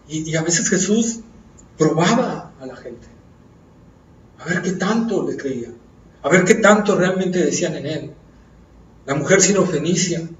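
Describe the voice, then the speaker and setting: A man's voice: on the high side, slight background noise. A man preaching fervently, often asking his listeners questions. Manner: fervent, asks the audience questions. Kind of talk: sermon. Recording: echoey room from far off, dull and lo-fi.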